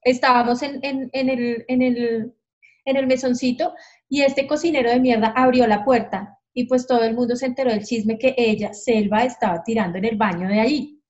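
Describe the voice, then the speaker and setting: Frank, animated woman. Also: fairly high pitch, normal speed. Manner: frank, animated, acts out quoted voices. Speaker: podcast guest. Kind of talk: candid storytelling. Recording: dull lo-fi sound.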